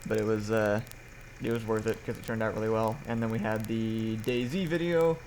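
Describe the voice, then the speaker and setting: A man's voice: lowish voice, fairly even intonation, moderate pace, darkish tone, slight background noise. A young man hosting a casual livestream podcast on poor-quality audio, rambling and restarting his sentences. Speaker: podcast host.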